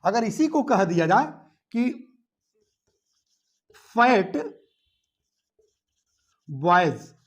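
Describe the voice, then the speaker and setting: A male English teacher explains grammar at a board in a classroom. He speaks slowly, with a pitch that rises and falls a lot. He repeats example words twice and asks the students again and again whether they understand. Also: very animated. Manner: explains slowly, repeats words in pairs, checks "samjh mein aa rahi hai na?"; calls students "beta".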